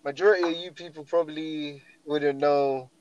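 Higher-voiced young london roadman. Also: fairly even intonation, moderate pace, a little mellow, highs cut off, slight background noise. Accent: London, urban roadman slang style. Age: young adult. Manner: slangy, emphatic, repeats phrases. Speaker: guest talking through favourite games. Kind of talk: casual chat.

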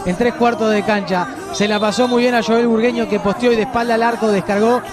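A man with a Uruguayan accent giving excited football replay commentary in long, loud descriptive sentences. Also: high-pitched, fairly quick. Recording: music and crowd behind broadcast.

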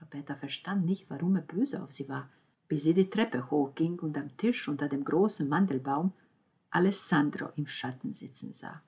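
A woman reading a novel aloud as narrator, lifting her voice for the dialogue and dropping to a hushed tone in the narration. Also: deep voice, moderate pace, breathy edge. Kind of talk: audiobook narration.

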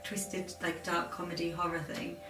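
Casual interview guest: woman, 20s, Durham accent, slightly low voice, roomy distant recording over clear music. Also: level tone, moderate pace. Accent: Durham, north-east English. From Durham, England. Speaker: interview guest, aspiring film and TV editor.

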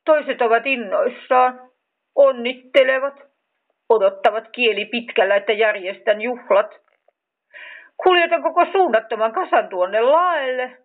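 A woman voicing a weary male creature who rolls a dung ball and sighs about his endless work. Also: fairly high pitch. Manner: sighing, tired, doubting. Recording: tinny phone-like sound.

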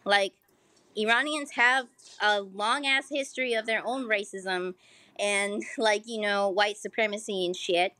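In a relaxed interview, an American podcast guest who works as a pole dancer swears often, leans on "like," and speaks frankly. Her medium-pitched voice is steady and sharp, measured in pace, with no echo.

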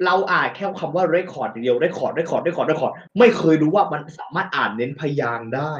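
Male contestant, higher voice, rambling thinker, echoey and dull lo-fi sound. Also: fairly bright tone. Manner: rambling, thinks aloud and repeats words. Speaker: quiz contestant. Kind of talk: casual talk.

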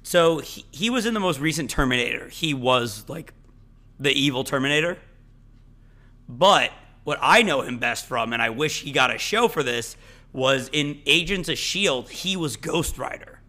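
A man co-hosting a podcast in casual chat, animated and opinionated, swearing freely, his voice cracking today. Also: medium pitch, moderate pace. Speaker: podcast co-host.

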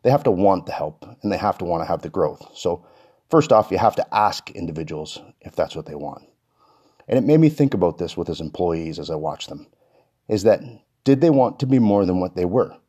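Breathless male podcast host, husky low voice. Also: dark tone. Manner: earnest, reflective. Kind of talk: casual solo podcast talk.

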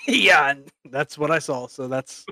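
Bright-voiced joking podcast co-host man. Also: fairly high pitch, lively intonation, unhurried. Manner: crude, joking. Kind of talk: casual chat among friends.

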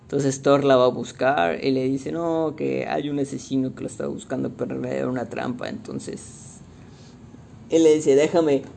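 A young man with a Mexican accent, casually recapping a movie in slangy, animated talk and acting out the quotes. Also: mid-range voice, moderate pace, gravelly, slight background noise. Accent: Mexican Spanish.

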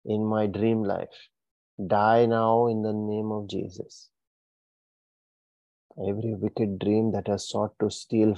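A man leads a deliverance prayer in a low, mellow and rather flat voice, speaking in forceful commanding bursts. The recording is dry and muffled, with a dull lo-fi quality. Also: no room sound. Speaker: prayer leader.

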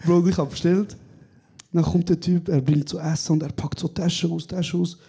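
A young man with a Swiss German accent tells stories with animated energy at a live podcast recording. His voice sits fairly high and sounds mellow and a little husky. He drops 'Bro' into almost every sentence. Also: fairly quick. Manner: animated storyteller, says 'Bro' often. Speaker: podcast co-host. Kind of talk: casual chat recorded live. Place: small venue, live recording.

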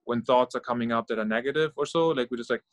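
A middle-aged man from Norway and Germany, a guest on an interview, thinking aloud in a relaxed way with many fillers and soft sighs. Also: mid-range voice, fast, no echo. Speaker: guest, startup founder and meditation guide. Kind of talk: casual interview conversation.

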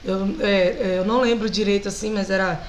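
A Brazilian woman singer with a Brazilian Portuguese accent, animated and laughing often as she tells stories as a guest in a casual interview. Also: medium pitch, fairly quick, a little hiss or hum, rough recording.

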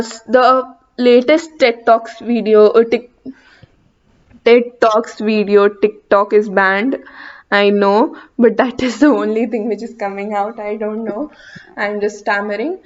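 A young woman hosting her own podcast, talking casually with many fillers, restarts and hesitations. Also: on the high side. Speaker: podcast host. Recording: dull lo-fi recording.

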